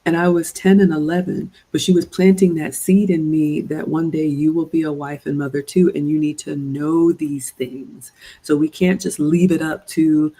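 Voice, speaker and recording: A middle-aged woman from Ghana hosts a livestream as a relationship coach, lecturing her female viewers in an earnest, preachy way. Her voice is dark and gravelly, with a fairly flat, even delivery. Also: sits low, normal speed, low-quality recording. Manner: earnest, preachy, addresses "ladies" directly. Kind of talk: livestream commentary with viewer shout-outs.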